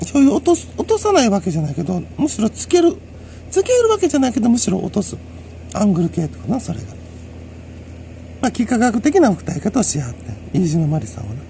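A man's voice: high-pitched, gravelly, dark tone, a little hiss or hum. A man with a Kansai accent, rambling through a solo monologue in a lecturing way and chuckling to himself. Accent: Kansai Japanese. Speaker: solo commentator.

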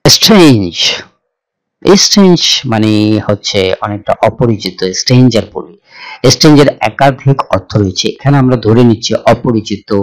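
A man's voice: fairly low pitch, rough recording. Man teaching English antonyms. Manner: emphatic, stressing each new word loudly then explaining calmly; asks questions of the listener and answers them. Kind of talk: spoken lesson on antonyms.

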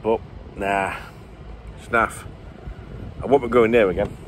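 A man's voice: on the low side, steady tone, a little slow. A man vlogging on a phone outdoors, chatting and chanting the same phrase in a sing-song way. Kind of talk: casual vlog. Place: outdoors on city streets. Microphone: phone held at arm's length. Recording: phone recording with street noise.

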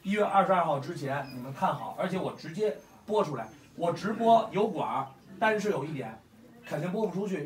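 A man in his forties with a Beijing Mandarin accent hosts a meetup for fight fans, talking casually to the crowd in a fairly high-pitched voice. He speaks bluntly and heatedly, swearing often. The room is echoey and the mic sits at a distance.

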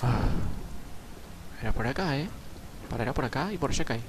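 A man's voice: medium pitch, lively intonation, normal speed, background noise. A man commenting on a horror game at night, jumpy and swearing, yelping at scares. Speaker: let's play commentator. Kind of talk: gameplay commentary. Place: room at night.

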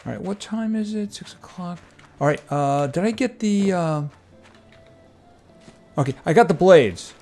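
A man's voice: high voice, animated, measured pace, pauses often, dark tone. A man streaming a farming game, chatting casually and making wry asides. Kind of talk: casual gameplay commentary. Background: game music.

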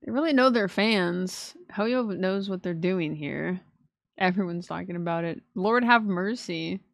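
Reacting to game trailers, a female streamer in her twenties talks with a fairly low pitch, measured pace and vocal fry, her remarks casual, slangy, effusive and playful. She's in a small home streaming room, the audio has no echo, and trailer music sounds faintly in the background.

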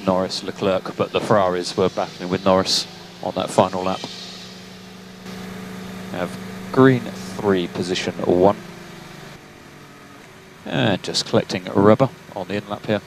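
A man working as a race engineer, giving clipped, calm, terse pit radio calls over a team radio link. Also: deep voice, a little slow, long pauses. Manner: clipped, calm, procedural instructions. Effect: team radio transmission. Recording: noisy radio link with vehicle hum.

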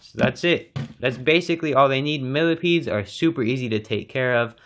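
A young man casually narrating as he feeds his exotic pets, relaxed and chatty with lots of fillers. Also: mid-range voice, brisk, soft background music. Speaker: pet keeper and channel host.

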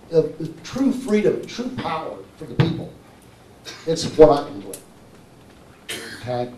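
A man giving an animated conference talk who keeps checking in with "okay?" and "right?" as he presents his engine modification. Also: sits high, a little hiss or hum. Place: conference hall. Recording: echoey hall, mic far off.

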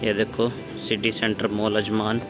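A young man vlogs casually as he walks through a shopping mall, holding his phone at arm's length and chatting straight to viewers through the front camera. His lowish voice is completely flat at a normal speed. The recording is rough, with music in the background.

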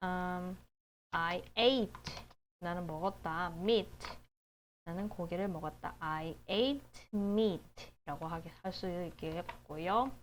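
A woman teaching basic English phonics, explaining calmly and drawing out each word slowly. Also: lowish voice, slight background noise. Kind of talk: slow, explanatory phonics lesson.

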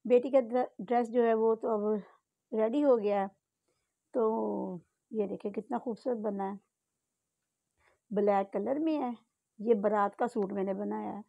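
A woman's voice: mid-range voice, steady tone, unhurried, creaky, long pauses, no echo, highs cut off. A middle-aged woman from Pakistan with a Punjabi-tinged accent, chatting homely to a phone camera at home. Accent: Punjabi-tinged Urdu. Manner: chatty, homely, full of asides. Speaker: home vlogger. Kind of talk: casual chat to camera. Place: home bedroom, indoors.

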